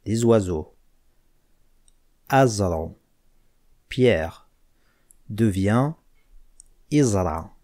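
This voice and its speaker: A man teaching a language lesson, slowly spelling out words and giving word pairs one by one. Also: on the low side, mellow.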